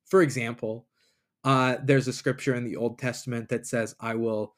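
A man's voice: mid-range voice, little pitch movement, moderate pace. A man hosting a podcast, thinking aloud in a casual, reflective monologue and retelling scripture in everyday words, recorded on a computer mic. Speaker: podcast host. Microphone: computer mic, recording in a browser app.

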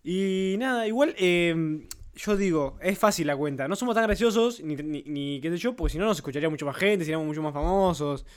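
A man's voice: on the high side, a little fast, hardly any pauses, clear, resonant tone. A young man with an Argentine accent, co-hosting a podcast and joking, acting out little stories. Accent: Argentine Spanish. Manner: joking, storytelling with put-on voices. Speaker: podcast co-host. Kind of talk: casual chat.

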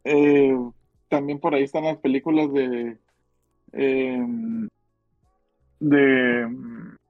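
A man's voice: mid-range voice, little pitch movement, drawn-out words, no room sound, lo-fi sound, faint music behind. A man with a northern Mexican accent chatting casually in slang as a podcast co-host, rambling and repeating his phrases. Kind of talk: casual slangy chat about films and music.

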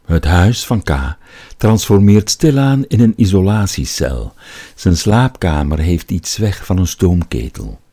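A man with a Flemish accent reading a literary story as narrator, in a measured, unhurried manner. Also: low-pitched, big pitch swings, mellow.

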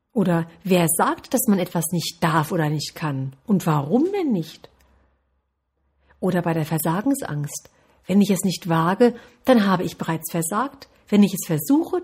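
A woman's voice: fairly low pitch, darkish tone, slightly rough. A woman speaking as a success coach, giving an earnest, encouraging motivational talk straight to her listeners.

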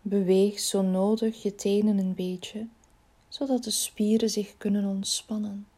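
A woman leads a guided body-scan relaxation, her medium-pitched voice level in tone. She speaks slowly, softly, and soothingly, frequently sinking close to a whisper.

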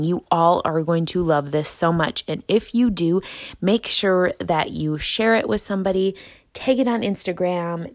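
A woman's voice: fairly low pitch, a little mellow, no echo, studio quality. A woman with a Midwestern American accent hosting a podcast, opening the show and greeting her guest with gushing enthusiasm. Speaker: podcast host. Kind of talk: podcast intro and interview.

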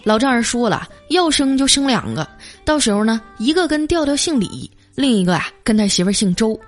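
A woman tells comic stories in a chatty style, stretching out her sentence particles. Her voice is fairly high and very animated in pitch. Faint music runs underneath. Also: brisk. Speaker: streamer. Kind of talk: comic storytelling.

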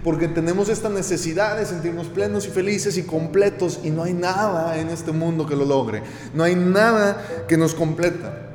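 A man preaching a sermon, animated and often checking in with his listeners by asking "right?". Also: a little high, moderate pace, soft background music. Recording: echoey hall with long reverb.

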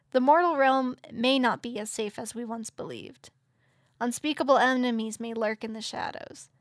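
A man's voice: extremely high pitch, a bit bright, no echo, studio quality, pitched above the performer's own voice. A man voicing a frail, dying fay queen, in a weak, solemn and formal voice. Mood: grave. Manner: solemn, slow, formal speech. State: weak and faint. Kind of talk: audiobook character voice.

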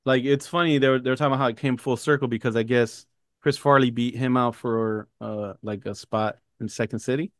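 A man chatting loosely about a film, his sentences wandering and full of "like" and "man." His voice sits at an ordinary middle pitch. The sound is dry and close, with no room echo. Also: fairly even intonation, fairly quick. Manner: rambling, filler-heavy, swears casually. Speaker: podcast co-host. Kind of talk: casual movie chat.

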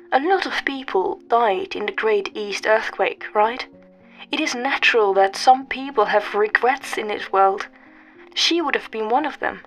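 A woman hosting a storytelling podcast, earnest and hesitant, with many fillers and restarts. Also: a little high. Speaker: podcast host.

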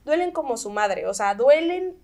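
Mexican woman, podcast host, high voice, candid rambling storyteller. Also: expressive, normal speed, mellow. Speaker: podcast host, new mother. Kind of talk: casual chat.

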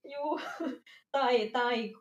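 A woman co-hosting a casual podcast chat, telling an everyday story in a lively way and acting out bits of dialogue. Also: on the high side, muffled recording. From Finland. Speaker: podcast co-host. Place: lives in Amsterdam. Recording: roomy echo.

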